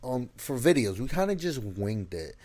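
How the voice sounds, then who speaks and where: Man, podcast co-host, medium pitch, casual chat, filler-heavy speech. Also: big pitch swings, normal speed, a little mellow. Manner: loose, filler-heavy, often uses "like".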